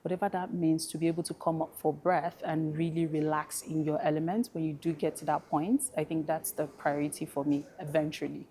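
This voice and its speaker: A Nigerian-accented woman, a fintech founder appearing as a panel guest, chats easily about her work and life, laughing lightly in a relaxed panel conversation. Her voice sits low and dark, with fairly even intonation and a brisk delivery with few pauses.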